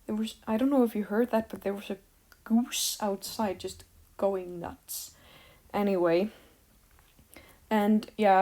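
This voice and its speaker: A woman's voice: mid-range voice, warm tone. A teenage girl from Iceland ranting casually to the camera, rambling with lots of fillers and a sarcastic edge. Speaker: vlogger.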